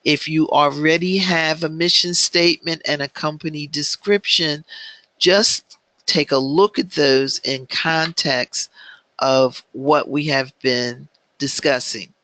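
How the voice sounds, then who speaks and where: Slow, bright-voiced male class instructor. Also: on the high side, steady tone, no echo. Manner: measured, with frequent filler ums. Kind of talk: online class lecture.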